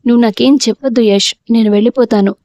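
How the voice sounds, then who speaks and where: A woman's voice: a little high, steady tone, fast, warm tone, no echo, lightly acted. A woman voicing a hurt, pregnant young wife who speaks in bitter reproach in an audio story.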